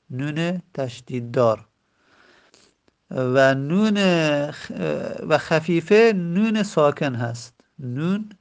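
A man teaching an Arabic grammar lesson, slowly repeating words and drawing out examples with frequent hesitant fillers. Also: fairly high pitch.

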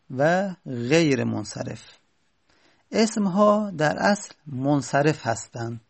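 A teacher gives a grammar lesson in a gravelly, middling-pitched voice. He explains patiently, going over each rule more than once and stressing the key words.

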